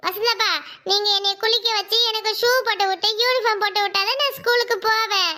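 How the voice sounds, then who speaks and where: A woman's voice: extremely high pitch, fairly even intonation, fast talker, pushed and bright. A woman voicing a stubborn little schoolgirl in a cartoon, whiny and demanding. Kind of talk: cartoon voice acting.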